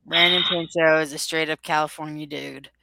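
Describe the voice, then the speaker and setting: A woman hosting a podcast talks in a casual, rambling way. Her voice sits a little low yet sounds bright and smooth. It is recorded close and dry, with no room sound. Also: steady tone, brisk, no room sound, low-quality recording. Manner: chatty, rambling, loosely shaped sentences. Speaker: podcast host. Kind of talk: casual chat.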